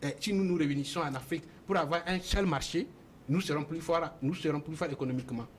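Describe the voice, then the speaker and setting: High-voiced Togolese man, halting talk. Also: slight background noise. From Togo. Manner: halting, many restarts and fillers. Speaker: panel guest. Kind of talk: TV panel discussion.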